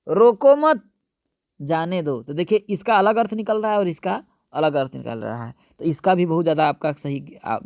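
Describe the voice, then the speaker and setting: A man's voice: high voice, no echo, clean studio sound. A male teacher giving an exam-prep lesson, repeating each point and calling his listeners friends.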